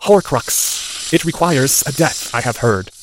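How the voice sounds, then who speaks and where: A man's voice: medium pitch, expressive, takes it slowly, background noise, pitched above the performer's own voice. A man voicing an earnest, anxious boy wizard, speaking in a strained, urgent way. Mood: urgent, careful.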